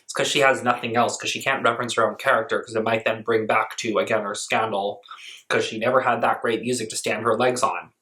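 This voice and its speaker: A man's voice: on the low side, fairly even intonation, fairly quick, sharp tone. A man giving casual reaction commentary on a clip, blunt and sarcastic, mocking what he hears. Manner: talks with his mouth full.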